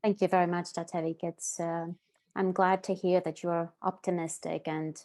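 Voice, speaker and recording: A woman moderating a panel discussion, polite and a little halting as she hands over to speakers. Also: lowish voice, flat delivery, dark tone. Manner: polite, with fillers.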